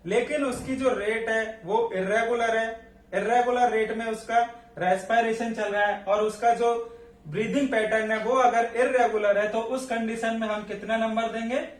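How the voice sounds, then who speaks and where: Guy teaching nursing, high voice, asks then answers himself, echoey room, mic kinda far. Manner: asks questions then answers them himself, repeats key points. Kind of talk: classroom lecture.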